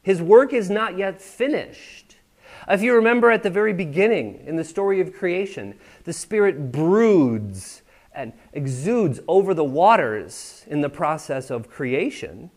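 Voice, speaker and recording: An American pastor preaches a sermon in a church sanctuary, speaking conversationally with the congregation and often checking that they're following along. His voice is high and animated, a little slow, with a darkish tone.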